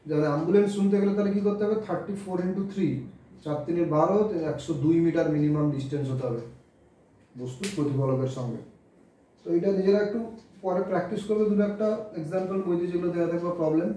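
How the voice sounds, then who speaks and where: A high-pitched, dark-toned man teaches physics in a classroom lecture, working sums aloud, explaining each step, and weaving in English terms. The recording has him distant from the mic in a very echoey room.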